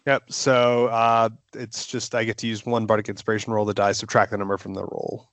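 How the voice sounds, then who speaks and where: A man's voice: lowish voice, level tone, a little fast, a bit bright, no room sound. A man at a tabletop game talks through his turn, working out spells and dice as he goes. His voice is close and dry, with no room sound around it. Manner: thinks aloud, working out rolls. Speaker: player.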